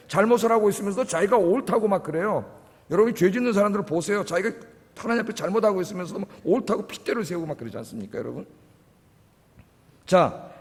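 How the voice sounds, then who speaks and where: Male pastor, high-pitched, preaches emphatically with dramatic quotes; reverberant sanctuary. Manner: emphatic preaching, quoting God and Jonah with rising intensity. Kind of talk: sermon. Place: church sanctuary. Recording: long reverb of a church hall.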